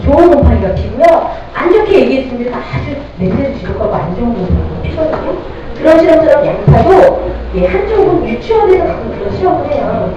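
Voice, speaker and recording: A middle-aged woman giving a parenting lecture, often putting questions to the audience. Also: high voice. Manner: lively, addresses audience with questions. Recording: distant mic, dull lo-fi sound, echoey hall, noisy.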